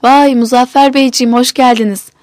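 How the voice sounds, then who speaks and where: A woman reading the part of an eager young male car salesman who talks in a flattering, brisk way. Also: high-pitched, dry recording, clean studio sound, close to an everyday voice. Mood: fawning.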